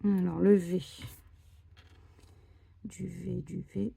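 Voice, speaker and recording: A woman scratching lottery tickets on camera, commenting slowly and often dropping to a whisper. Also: on the low side, little pitch movement, vocal fry, dark tone, husky. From France. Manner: slow, murmuring, often drops to a whisper. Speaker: scratch card vlogger. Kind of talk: casual scratch card commentary.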